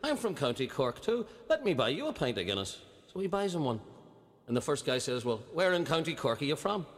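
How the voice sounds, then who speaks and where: A comedian tells a long stand-up joke in a high-ish, very animated and brisk voice, acting out its characters in a lilting storyteller's manner. It's a played-back set with reverb from the hall.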